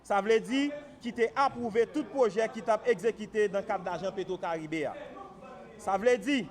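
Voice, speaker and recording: A man's voice: high voice, normal speed. A man with a Haitian accent giving impassioned political commentary, emphatic and repetitive.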